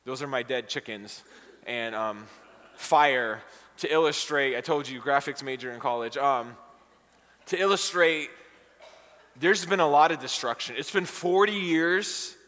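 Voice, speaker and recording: Bright-voiced man preaching in a hall. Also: fairly high pitch. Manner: conversational, asks the congregation questions. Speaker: pastor. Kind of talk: sermon. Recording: long hall reverb.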